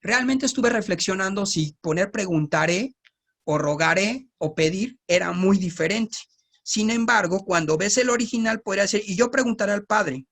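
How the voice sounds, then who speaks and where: A man with a Mexico City Spanish accent gives a Bible teaching in a relaxed, chatty way. He keeps checking in with his listeners through tag questions and slips in joking asides. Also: sits high, moderate pace.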